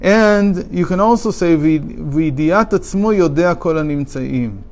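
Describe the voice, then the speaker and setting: A man with a somewhat high voice leads a daily text class. He reads passages, translates them, and explains them in a measured way. He often asks questions and then answers them himself. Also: lively intonation, darkish tone. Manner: explanatory, poses rhetorical questions. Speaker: teacher.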